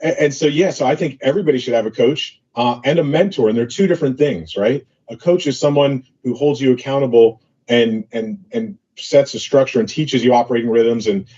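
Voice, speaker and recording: An entrepreneur being interviewed tells business stories loosely, with plenty of fillers. His mid-range voice is warm and slightly rough, a little fast with hardly any pauses, and the lo-fi audio sounds dull.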